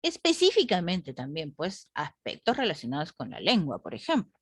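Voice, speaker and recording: A woman's voice: lowish voice, wildly swooping pitch, moderate pace, husky, no room sound, studio quality. A woman teacher lecturing a class online, asking the group rhetorical questions and often adding "¿no?".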